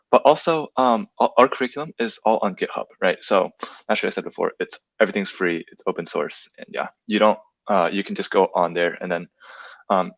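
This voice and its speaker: A man's voice: low voice, creaky, fairly bright tone, no room sound. A young man presenting a program over slides in a casual way, with many fillers and tag questions. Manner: filler-heavy, often adds "right?". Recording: dull, lo-fi dry sound.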